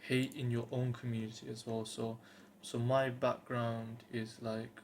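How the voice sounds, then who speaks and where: Talking a little slowly with little pitch movement in his mid-range voice, a British man in his twenties addresses the camera as a vlogger. He comes across as casual and earnest, though hesitant and rambling, and there is faint background noise.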